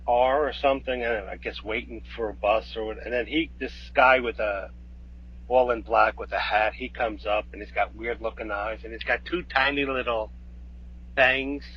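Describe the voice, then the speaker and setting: Husky-voiced male co-host, mid pitch, walks through plot scene by scene, muffled lo-fi audio. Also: steady tone, moderate pace. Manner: retells the plot step by step, hesitant. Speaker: podcast co-host. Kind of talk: casual film discussion. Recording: dull lo-fi podcast audio.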